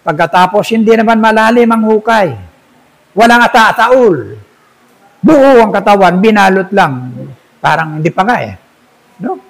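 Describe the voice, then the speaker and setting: A man's voice: high voice, lively intonation, normal speed, long pauses, low-quality recording. A man, an older pastor, preaching a sermon and telling a story, often asking his congregation "see?".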